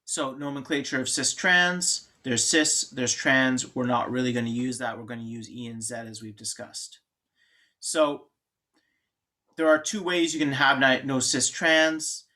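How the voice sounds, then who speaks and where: A man's voice: medium pitch, fairly even intonation, measured pace, bright, forceful tone. A man lecturing on chemistry in an informal, joking way, thinking aloud and restarting sentences. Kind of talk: classroom lecture.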